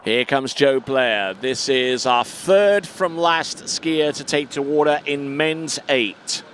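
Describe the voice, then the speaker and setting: A man giving live water ski commentary in a measured way, with frequent fillers. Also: mid-range voice, a bit bright, slight background noise.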